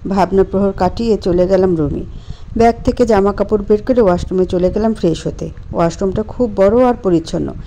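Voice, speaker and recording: Warm gentle woman narrating a story. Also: mid-range voice, a little fast, slight background noise. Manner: gentle, expressive reading. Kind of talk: first-person story narration.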